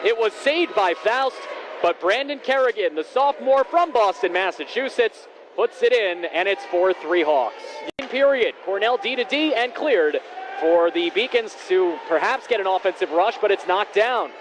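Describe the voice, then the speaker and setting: Male hockey play-by-play announcer, high voice, excited shouted goal calls, faint arena noise. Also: normal speed. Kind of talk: live ice hockey play-by-play commentary. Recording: noisy rink, faint background noise.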